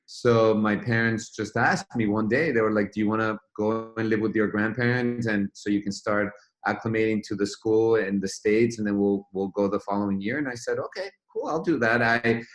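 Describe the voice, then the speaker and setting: A Venezuelan man, a guest in a casual interview, tells his story reflectively and in a rambling way, often restarting. His voice is fairly low, slightly bright, and fairly even at normal speed, on poor audio.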